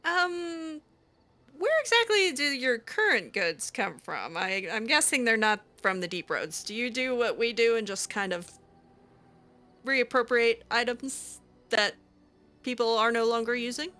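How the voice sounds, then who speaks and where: This channel host roleplays in a video game, inventing conversational lines in a chatty, somewhat hesitant manner punctuated by short interjections. She sounds animated, with a slightly high, bright, forceful voice at a measured pace.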